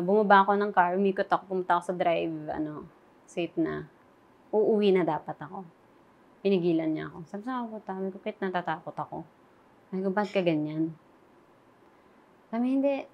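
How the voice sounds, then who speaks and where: A young adult woman, an interview guest, softly recounting a painful relationship story and quoting past conversations. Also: mid-range voice, muffled recording. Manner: soft, recounting quoted dialogue. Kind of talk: emotional personal interview.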